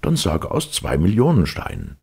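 A kindly old friend from a fairy tale, as a man puts him on, pitched well above the reader's very deep, gravelly voice. He sounds lively and reassuring, with a husky rasp underneath. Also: normal speed, full character voice.

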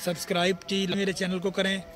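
A man's voice: sits high, monotone, fairly quick, a bit bright, faint music behind. A middle-aged man with a Punjabi accent, chatting casually as he films a walk around his outdoor dairy farm on a phone held at arm's length, calling out to animals and children and adding a polite "ji" to his lines. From Pakistan. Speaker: farm vlogger.

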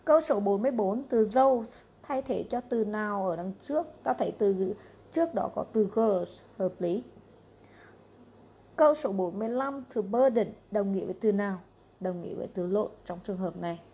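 A woman with a Vietnamese accent, an English teacher going briskly through exam answers question by question, matter-of-fact and repetitive. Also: medium pitch, animated, vocal fry, dark tone, slightly rough.

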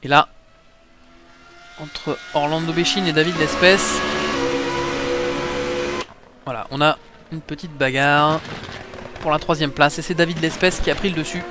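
Higher-pitched male motorsport commentator over engine noise. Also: steady tone, a little slow, long pauses. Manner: explanatory, addressing viewers. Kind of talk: live sim racing race commentary. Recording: clear background engine noise. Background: race car engines.

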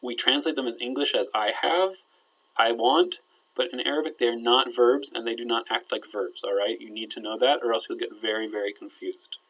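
An Arabic teacher leads a recorded grammar lecture in an explanatory, conversational manner, often checking that students follow. His phrases sink quietly at the ends. His voice has an ordinary middle pitch and fairly even intonation at a fairly quick pace, and the audio is poor.

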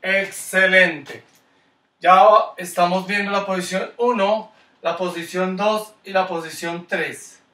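A man's voice: high-pitched, fairly even intonation, unhurried, a bit bright, reverberant, distant mic. A man with a Colombian Spanish accent teaching a kids' skating class online, coaching with encouraging, repeated cues. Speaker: skating instructor.

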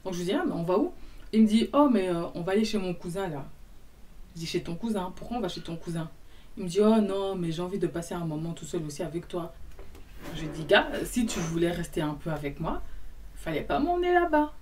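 Animated young woman telling a story. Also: on the low side, fairly quick, far from the mic, a little hiss or hum. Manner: animated, acts out both sides of dialogue. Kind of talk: casual storytime monologue.

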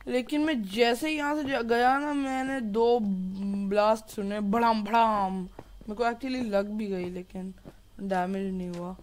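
A man's voice: high-pitched, fairly even intonation, unhurried. A man giving casual gameplay commentary, chatty and apologetic, mixing English words into his talk. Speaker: gameplay youtuber.

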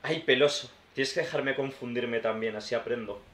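A gaming YouTuber gives casual let's-play commentary at normal speed, thinking aloud and chatting with viewers like friends, calling them "tío" and "hermanos." His mid-range voice has a fairly bright tone. The room sounds roomy, with faint background noise.

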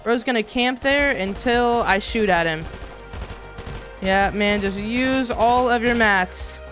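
Hyped, higher-voiced woman gamer. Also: slow, a bit bright, soft background music. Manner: hyped, slangy gamer talk with "bro" and "dude". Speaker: gamer, video host. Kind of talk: excited gameplay commentary.

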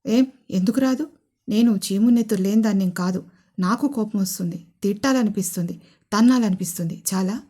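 A woman's voice: mid-range voice, brisk, natural voice. A woman voicing a proud young wife who snaps back indignantly. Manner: indignant, sharp.

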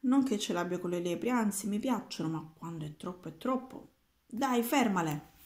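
A woman reading aloud and voicing an anxious, clever young boy in a higher, exclaiming voice. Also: lively intonation, moderate pace, a little mellow, natural voice. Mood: pleading. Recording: roomy echoing room.

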